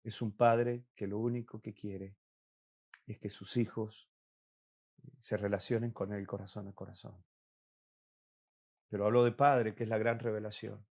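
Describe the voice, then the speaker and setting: A man's voice: fairly low pitch, little pitch movement, measured pace, pauses often, darkish tone. A man preaching a sermon as pastor, earnest and emphatic, repeating key words for weight. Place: church.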